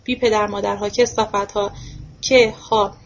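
A woman reading the lines of a furious man who shouts curses and threats from a courtyard, on a dull lo-fi recording. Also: medium pitch, level tone, a little hiss or hum, lightly acted.

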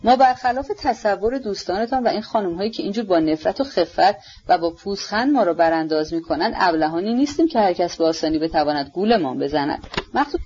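A woman reading the part of a combative young man with a squeaky, shrill voice. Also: a little mellow, slightly rough, muffled recording.

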